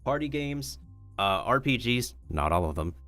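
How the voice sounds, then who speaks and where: Male streamer host, smooth clean voice, mid pitch, loose rambling casual chat. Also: big pitch swings, normal speed, bright, forceful tone, soft background music. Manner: rambling, frequent filler "like".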